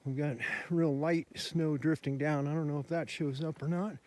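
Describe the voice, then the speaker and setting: A man vlogging outdoors in snowy woods, speaking plainly with pauses and sounding out of breath. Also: on the high side, steady tone, a little mellow. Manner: plain, unhurried talk with pauses. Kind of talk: casual outdoor vlog.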